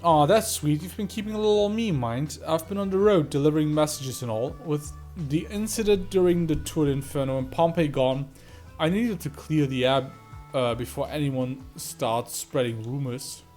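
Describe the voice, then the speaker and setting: Guy reading as a tired chill trucker lady biker from a game, kinda high voice. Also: normal speed, darkish tone, faint music behind, close to an everyday voice. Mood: easygoing. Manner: easygoing, self-deprecating. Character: laid-back female veteran trucker biker, tired. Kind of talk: reading game dialogue aloud.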